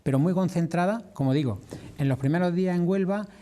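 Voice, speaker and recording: A man with an Andalusian accent giving measured, explanatory answers as a farming representative in a formal interview. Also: high-pitched, dark tone. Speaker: farmers' organisation representative being interviewed.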